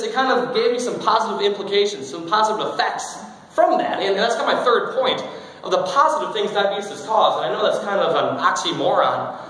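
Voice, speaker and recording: In a very echoey hall with faint background noise, a young man in his twenties delivers a funny, self-deprecating personal speech full of jokes. His voice sits high and has a fairly bright tone.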